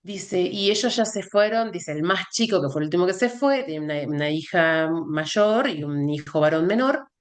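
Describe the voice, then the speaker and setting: Middle-aged Argentine woman, guest, animated storyteller who acts out quoted dialogue, lowish voice. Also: normal speed, few pauses. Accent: Argentine Spanish. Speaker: guest, functional biochemist. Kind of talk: casual conversation, storytelling.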